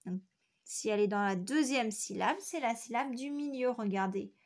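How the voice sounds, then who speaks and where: A woman teacher giving a phonics lesson to young children, speaking clearly and repeating each word syllable by syllable. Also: fairly high pitch, normal speed. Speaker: schoolteacher.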